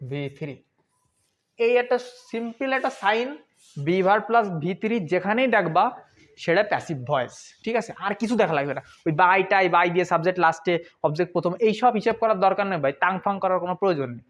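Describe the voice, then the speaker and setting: Young male tutor, slightly high voice, casual, answers his own questions. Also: animated, brisk, a bit bright. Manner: chatty and informal, asks questions and answers them himself. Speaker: English grammar teacher. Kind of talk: online grammar lesson.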